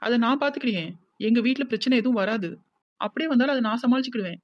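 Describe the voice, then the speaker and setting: A devoted young village woman with a Tirunelveli accent, as a voice actor plays her in a cartoon. She talks quickly in a gentle, comforting voice and keeps insisting. The sound is dull and lo-fi. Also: mid-range voice, close to an everyday voice. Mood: insistent. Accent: Tirunelveli Tamil.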